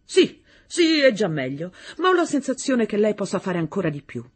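A woman voicing a gallant male singing teacher who coaxes his pupils with fervour, her voice breathy. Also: medium pitch, big pitch swings, normal speed, pitched above the performer's own voice. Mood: coaxing. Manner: fervent, coaxing.

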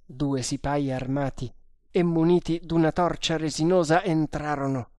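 A woman narrating an adventure novel in a measured, deliberate reading. Her voice is very low for a woman and unhurried, and the sound is dry and close with no room around it. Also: fairly even intonation, a little mellow, no echo. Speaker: audiobook narrator.

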